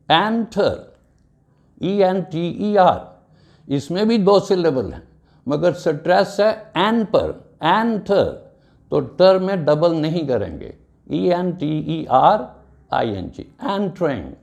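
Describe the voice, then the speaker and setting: Guy teaching english verbs, slow, spells stuff out, gravelly voice. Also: high-pitched, sing-song, a little mellow. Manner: spells words letter by letter, slow and deliberate. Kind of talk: classroom grammar lesson.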